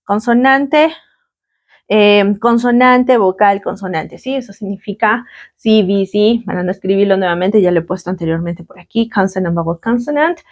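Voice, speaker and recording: Patient woman teaching English grammar. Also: medium pitch. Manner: patient, repeats words slowly and checks in with "¿listo?". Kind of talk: classroom grammar lesson.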